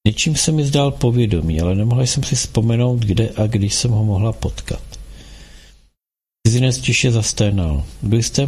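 A man hosting a radio show, reading a novel aloud in a calm, steady storytelling manner. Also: fairly low pitch, husky. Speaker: radio host.

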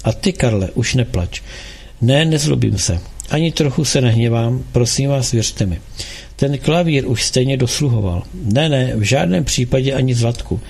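Kind music teacher, soft reassuring tone, gravelly and husky, as a male narrator puts him on. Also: medium pitch. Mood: gentle, reassuring.

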